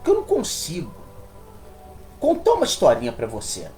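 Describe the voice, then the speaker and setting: A man's voice: fairly high pitch, wildly swooping pitch, normal speed, dark tone, soft background music. A man voicing a tired, evasive husband in a sermon story. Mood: weary.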